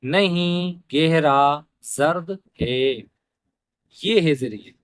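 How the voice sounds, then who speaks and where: Slow, deliberate male Urdu teacher. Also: mid-range voice, no room sound. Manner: spells letters out slowly, then explains rules quickly. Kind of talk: reading-primer lesson.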